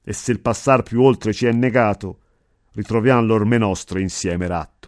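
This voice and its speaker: A man's voice: fairly low pitch, unhurried, darkish tone, no echo, studio quality, close to an everyday voice. A man voicing an earnest, fearful male pilgrim poet, speaking in verse. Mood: pleading. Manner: pleading, earnest recitation of verse.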